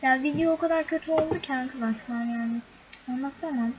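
Speaking fast in a high-pitched voice, a young female gaming YouTuber chats casually with her viewers over footage of a game, frequently exasperated. Loud background noise fills the dull, lo-fi recording.

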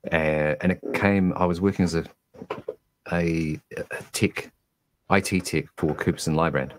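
A man speaks in a very low, deep register. He tells a reflective story slowly and carefully, often restarting his sentences. He is talking over a video call. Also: fairly even intonation. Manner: measured, with frequent restarts. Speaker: guest, virtual MC.

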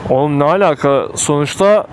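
A man's voice: fairly high pitch, normal speed. A young man chatting casually in slang from inside a motorcycle helmet as he rides, with road and engine noise behind him. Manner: slangy, informal banter. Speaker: motovlogger. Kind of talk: casual chat while riding a motorbike. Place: on a motorbike in city traffic.

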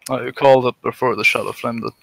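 A man's voice: medium pitch, fairly even intonation, quick pace, gravelly, fairly bright tone, no echo. A man in a game raid teasing teammates over voice chat. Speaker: raid member. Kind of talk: gaming voice chat.

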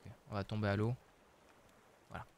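A man's voice: on the low side, fairly even intonation, moderate pace, darkish tone, a little hiss or hum. A man casually commenting on his survival game as he plays, thinking aloud with many hesitations. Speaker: streamer playing a survival game.

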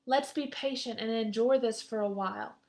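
A woman's voice: a little high, normal speed, darkish tone, close to an everyday voice. A woman voicing a male pilgrim who earnestly encourages his suffering friend to hold on.

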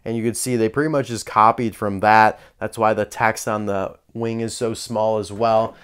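A man's voice: lowish voice, little pitch movement, normal speed, a bit bright, clear, resonant tone. A man chatting casually as he unboxes and reviews collectible toy cars, candid and dryly sarcastic.

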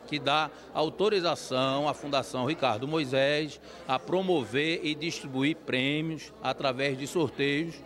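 A man's voice: a little high, fairly even intonation, measured pace, few pauses, a bit bright. A man in his sixties with a Brazilian accent giving a formal, legalistic interview statement as an official spokesman in an auditorium. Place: indoor auditorium. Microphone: handheld press microphones.

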